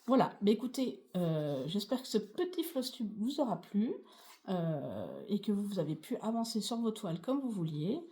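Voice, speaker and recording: A woman's voice: medium pitch, very animated, moderate pace, dark tone. A woman vlogging casually about her cross-stitch projects, rambling and chatty with many fillers. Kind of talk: casual chatty craft vlog.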